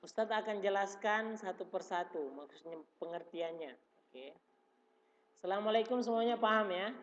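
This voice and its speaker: Male teacher with an Indonesian accent, patient and slow, repeats phrases, dull echoey classroom recording. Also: high voice. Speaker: religious school teacher. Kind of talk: classroom explanation. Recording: dull reverberant room recording.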